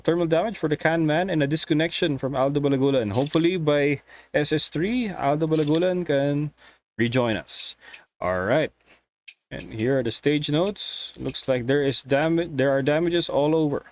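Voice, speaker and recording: Excitable male rally commentator. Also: on the high side. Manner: excitable, cries out at big moments. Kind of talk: live esports play-by-play commentary.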